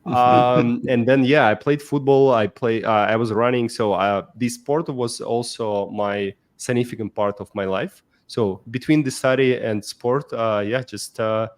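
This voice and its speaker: A man's voice: mid-range voice, fairly even intonation, a little slow, few pauses. A man from Russia with a Russian accent, telling his life story as a podcast guest, with many fillers and restarts. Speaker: guest, startup founder. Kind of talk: casual interview.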